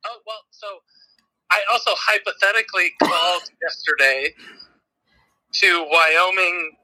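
High bright man on speakerphone. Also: unhurried, rough recording. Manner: laughing, rambling storyteller. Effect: heard over a phone on speakerphone. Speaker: caller, friend of the hosts. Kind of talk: casual chat.

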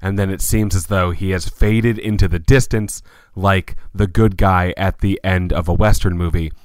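A man giving casual podcast commentary in a deadpan, wordy, mock-serious way. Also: deep voice, moderate pace, clean tone, dry recording. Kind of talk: casual chat, dry storytelling commentary.

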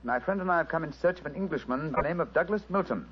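An actor playing a composed, courteous English gentleman detective, British accented and assured, in an old radio drama. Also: a little high, expressive, slightly rough. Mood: reassuring. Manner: polite, brisk, assured. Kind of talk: 1940s radio drama acting. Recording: dull old radio recording, music behind.

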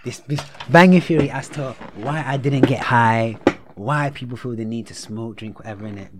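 A man's voice: medium pitch, moderate pace, heavy background noise. A young man in his twenties with a London roadman accent, chatting casually in heavy slang and tagging phrases with "innit" and "yeah". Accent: London, urban roadman slang style. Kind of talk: animated casual chat.

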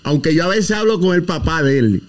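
A man who founded the podcast speaks in a grand, speechifying way, as if addressing a crowd. His voice sits a little high for a man. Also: lively intonation, fairly quick, heavy background noise. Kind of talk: casual group chat.

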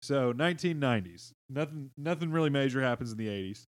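A man's voice: mid-range voice, quick pace, no echo. A man hosting a comedy podcast, telling folklore stories with lots of swearing and laughter. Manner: swearing, laughing, animated storyteller. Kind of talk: casual comedic storytelling.

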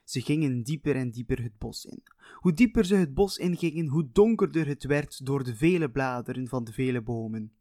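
A man's voice: mid-range voice, expressive, normal speed, dark tone, no room sound, studio quality. A man narrating a fairy tale in a playful, chatty way, talking straight to the listener. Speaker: storyteller.

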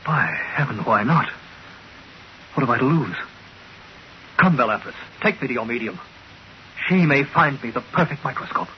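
A man's voice: mid-range voice, lively intonation, moderate pace, pauses often, close to an everyday voice. An actor playing an impatient, earnest male scientist in a 1940s radio drama. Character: driven male scientist seeking a perfect lens. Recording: dull old radio broadcast with faint hiss.

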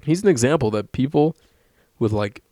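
A man's voice: mid-range voice, animated, normal speed, dark tone, no echo, clean studio sound. A young man chatting casually on a podcast, rambling and swearing often, with frequent laughs. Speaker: podcast co-host. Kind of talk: casual chat.

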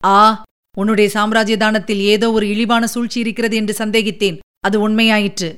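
A woman's voice: medium pitch, flat delivery, moderate pace, a bit bright, clear, resonant tone, close to an everyday voice. A woman voicing an older male Buddhist monk in an audiobook, speaking in a bitter, hissing, cursing way. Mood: suspicious. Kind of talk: audiobook character reading.

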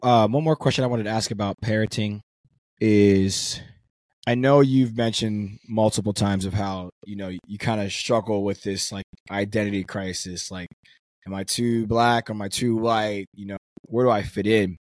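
A man's voice: on the low side, normal speed, no echo. A young man co-hosting a casual podcast, asking searching questions and hedging often as he talks. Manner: animated, asks searching questions, hedges with "like" and "I guess". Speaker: podcast co-host.

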